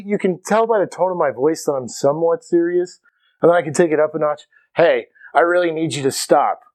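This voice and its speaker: A man's voice: fairly high pitch, darkish tone. A man teaching self-defense to camera in a casual but emphatic way, often checking in with "okay". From Irish. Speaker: martial arts instructor. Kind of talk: instructional talk to camera.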